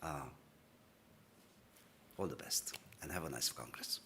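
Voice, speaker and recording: A man giving a halting, informal welcome speech with many fillers. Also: a bass voice, heavy background noise. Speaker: guest speaker.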